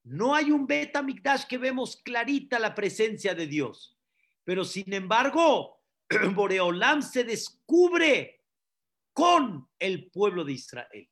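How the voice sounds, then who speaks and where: Man, rabbi, sermon, slow deliberate delivery, bright voice, rhetorical questions. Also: high voice, big pitch swings, creaky. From Mexico. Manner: preaching with repetitions and rhetorical questions.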